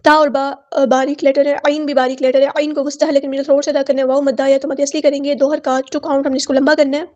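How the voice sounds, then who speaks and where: A woman teaching tajweed, explaining letters slowly and repeating single sounds and words as models. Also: high-pitched, level tone, a little mellow, dull audio. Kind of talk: tajweed lesson, explaining word by word.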